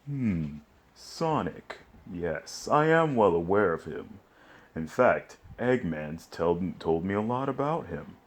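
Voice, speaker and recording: A man's voice: low voice, very animated, takes it slowly, pitched below the performer's own voice, heavily acted. A man doing a pompous villain doctor. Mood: smug.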